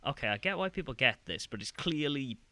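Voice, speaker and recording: A young man co-hosting a casual podcast, rambling and animated, slipping into mock voices to quote the game. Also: mid-range voice, fairly quick. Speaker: podcast co-host.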